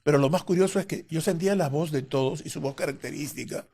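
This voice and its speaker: A man's voice: on the high side, fast talker, creaky, a little mellow. A man as an interview guest, telling a personal story vividly and acting out the voices of others.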